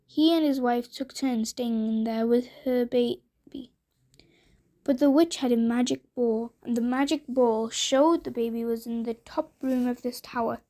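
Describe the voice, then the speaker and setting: A woman reading a bedtime story aloud, gentle and deliberate. Her voice sits high and she takes her time, letting each phrase settle.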